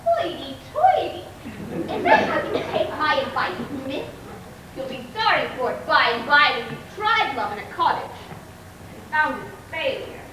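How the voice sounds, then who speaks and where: A woman's voice: high-pitched, very animated, unhurried. A woman playing a stern, wealthy, meddling old aunt who scolds imperiously, in old-time radio drama style. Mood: scolding. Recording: echoey distant old recording with faint hiss.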